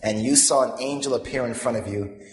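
Man preaching in an echoing hall. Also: mid-range voice. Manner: deliberate, rhetorical, pausing for audience to fill in words. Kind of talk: sermon with scripture readings and questions to the congregation. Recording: echoey hall, long reverb, music behind.

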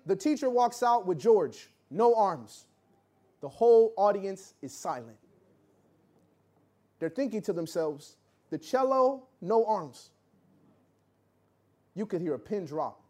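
A man preaching a sermon, telling a story with animated delivery, acting out voices and dropping to a hush at tense moments. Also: high-pitched.

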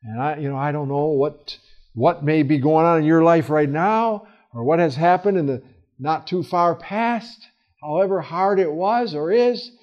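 A man teaching a Bible study in a casual, earnest way, with fillers and restarts, swinging from loud emphasis to soft, quiet asides. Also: on the high side, unhurried, dull audio. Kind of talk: conversational Bible study talk.

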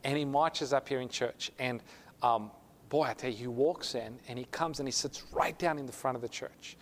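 A man's voice: medium pitch, moderate pace, slight background noise. A male pastor telling a story in a sermon, acting out the voices of the people in it. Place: church sanctuary. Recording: long hall reverb.

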